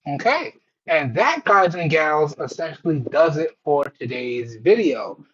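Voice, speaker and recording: A man with a fairly high, lively voice chats casually and unhurriedly in a room at home with a TV, testing a pair of wireless earbuds for a product vlog. The audio comes through the earbuds' Bluetooth mic, so it sounds slightly rough and lo-fi. He's a tech reviewer who gets chatty and repetitive, constantly calling out to his "guys and gals."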